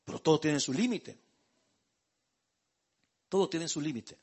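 A man's voice: fairly high pitch, expressive, measured pace, a little mellow, slightly rough. A male pastor preaching a sermon. He talks conversationally, calls listeners brother, and builds to emphatic outbursts.

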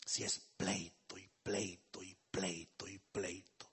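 A man muttering as a worn-out husband, low and drained. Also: flat delivery, slow pace, fairly bright tone, slightly rough, exaggerated voice. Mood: weary. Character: weary grown man complaining about nagging at home.

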